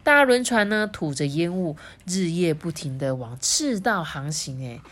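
A woman reading a storybook aloud to her child, animated, stretching out her sentence endings. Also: fairly low pitch. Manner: animated, drawn-out sentence particles.

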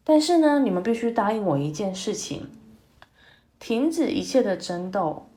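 A woman's voice: medium pitch, big pitch swings, moderate pace, dark tone, lightly acted. A woman voicing a firm old mother on a farm, scolding and setting terms, in a children's storybook. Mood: stern.

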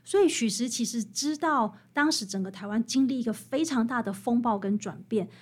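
A woman with a fairly high voice and a Taiwanese Mandarin accent speaks fairly quickly as a guest author in an interview. She explains things in an expressive, storytelling style, leaning on key phrases for emphasis.

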